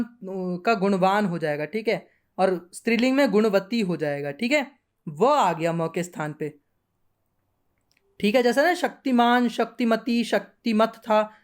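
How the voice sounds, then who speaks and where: Woman teacher, fairly high voice, patient and repetitive, checking in as she explains. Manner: patient, repeats forms, frequent checking 'theek hai'. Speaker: Sanskrit grammar teacher. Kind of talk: classroom lesson.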